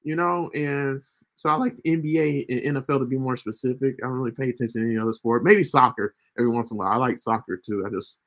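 A man's voice: mid-range voice, fairly even intonation, fast talker, hardly any pauses, a bit bright. A man in his thirties hosting a casual faith livestream, chatty and loose, often tagging his sentences with "right?". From United States. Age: 30s. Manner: chatty, repeats himself, keeps asking "right?". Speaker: ministry livestream host.

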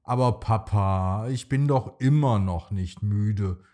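A man voicing a small, eager boy dinosaur in a bedtime storybook, with an excited, pleading childlike voice. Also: fairly low pitch, slow.

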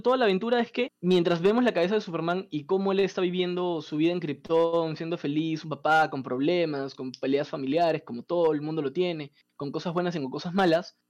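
A man, casually retelling a comic story as a podcast host, animated and profane. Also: a little high, highs cut off.

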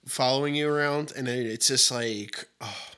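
A man co-hosting a podcast in casual chat, telling stories in a halting way full of fillers and restarts. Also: mid-range voice, pushed and bright, clean tone. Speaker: podcast co-host.

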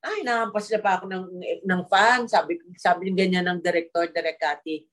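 A middle-aged actress appears as a guest in an online interview, chatting casually, telling animated stories, laughing often and slipping English into her talk. Her voice is fairly low, and she speaks fairly quickly.

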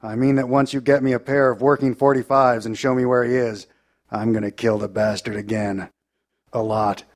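An actor playing a tough, menacing 1930s American adventurer with a gruff, hard-boiled manner in a live audio drama. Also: male voice, medium pitch, little pitch movement, moderate pace, natural voice.

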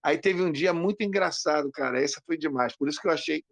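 A man co-hosting a podcast, telling an animated story in casual chat and acting out the lines of the people in it. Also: on the high side, quick pace, no room sound. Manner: animated, acts out quoted lines. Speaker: podcast co-host.

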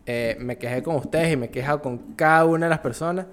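A man talks about games in loose, slang-filled chat. His voice sits a little higher than most men's. He tells stories with lively, animated energy. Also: fast talker. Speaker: podcast co-host. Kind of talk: casual gaming chat.

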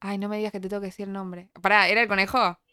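A young woman with a Rioplatense Spanish accent, playing a film quiz in casual chat with a friend, giggly and animated. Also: medium pitch, racing, clear, resonant tone. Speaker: quiz player.

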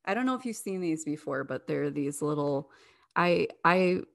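Deep gravelly-voiced woman guest. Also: expressive, normal speed, no room sound, studio quality. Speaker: guest, wellness and skincare seller. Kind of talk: casual chat.

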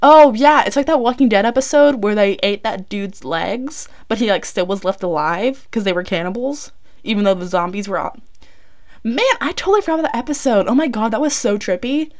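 A woman's voice: medium pitch, expressive, brisk. A young woman recording inside a closet, telling a true crime story in a rambling, chatty way full of fillers and self-corrections. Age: young adult. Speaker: college student vlogger. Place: small clothes closet, recording indoors.

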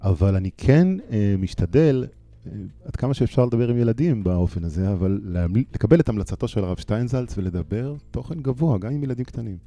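Man, thirties, panel guest, low voice, very dark tone, dry close sound, thoughtful storytelling pace. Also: lively intonation, dry recording. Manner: thoughtful storyteller, tells parables with pauses. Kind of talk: reflective panel discussion. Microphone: handheld microphone.

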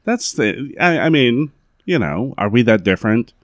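A man co-hosting a podcast in relaxed chat, his voice mid-pitched and recorded dry and close. He is easygoing and agreeable, and he swears casually. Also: normal speed, no room sound. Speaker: podcast co-host.

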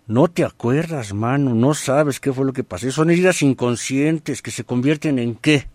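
A man's voice: mid-range voice, no echo. A man with a Mexican Spanish accent hosting a radio self-help talk in a casual, colloquial way, asking rhetorical questions and acting out little everyday scenes. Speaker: radio host.

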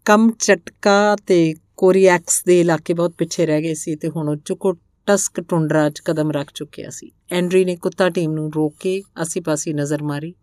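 A woman reads a novel aloud in an even, measured way. Her voice sits fairly low. The recording is dry and close, with no room sound. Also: no echo. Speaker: narrator.

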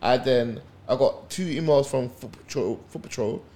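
A man's voice: mid-range voice, normal speed, warm tone. A man with a London roadman accent, chatting casually in slang as a music artist guest. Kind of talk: casual chat in street slang.

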